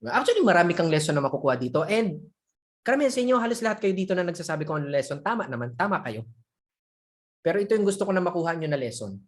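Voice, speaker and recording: An online selling coach telling a story to a live audience, mixing English into Tagalog, often checking in with quick tag questions and laughing at the jokes. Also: medium pitch.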